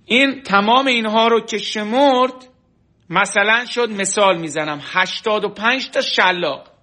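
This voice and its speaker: A man teaching a religious lesson through a story, telling it lively and acting out the voices of the people in it. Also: sits high. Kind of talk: storytelling sermon. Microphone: online class stream.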